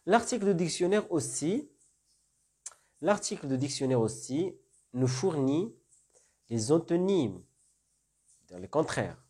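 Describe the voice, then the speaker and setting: Teaching French vocabulary in a classroom-style lesson, a North African man speaks in a fairly high, dark voice with a breathy edge and big pitch swings. He explains slowly and step by step, often asking questions again and checking with "d'accord?".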